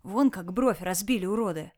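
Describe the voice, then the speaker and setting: A woman voicing a brisk, caring young woman who scolds curtly. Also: medium pitch, warm tone, lightly acted.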